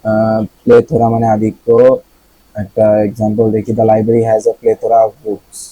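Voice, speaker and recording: A man's voice: on the low side, completely flat delivery, measured pace, mellow, husky, no echo, poor audio. A young man with a Bangladeshi accent teaching vocabulary in a casual way, repeating each word and asking the listener questions. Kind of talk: explaining vocabulary.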